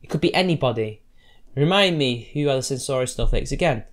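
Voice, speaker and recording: In this YouTube reaction commentary, a man with an expressive mid-range voice answers posts at a fairly quick clip. He sounds combative and sarcastic, and his loose delivery wanders and restarts.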